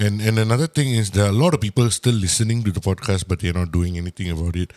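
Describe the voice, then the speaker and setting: A man co-hosting a casual podcast in a low, dry, close voice. He talks extremely fast. His storytelling is colloquial and animated, switching freely between languages. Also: no room sound. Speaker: podcast co-host.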